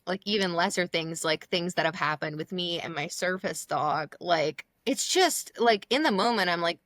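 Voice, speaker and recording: A woman's voice: on the low side, normal speed, dry recording. A young woman, a guest comedian, telling a story in casual chat, filler-heavy, and acting out the dialogue. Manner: animated, lots of "like", acts out dialogue.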